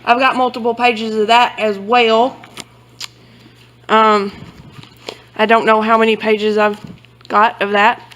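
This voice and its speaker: A book vlogger with a slightly high, flat voice gives a casual show-and-tell of her book journal, taking it slowly with long pauses. The audio is poor and a bit bright. She rambles in a loose, chatty way, often correcting herself as she goes.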